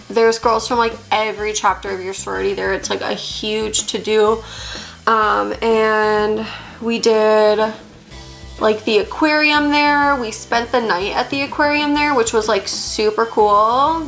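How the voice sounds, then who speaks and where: A woman's voice: mid-range voice, gravelly, fairly bright tone, rough recording. A young woman chatting casually while doing her makeup, full of "like" fillers and a slight lisp at times. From Upper Peninsula, Michigan. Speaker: beauty vlogger. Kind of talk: casual get-ready-with-me chat.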